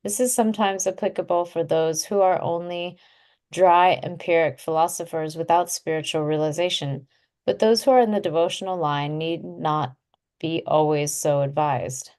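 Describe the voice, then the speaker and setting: A woman reading a scripture commentary aloud in a steady, measured way on a video call. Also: low-pitched. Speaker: reader in a study group.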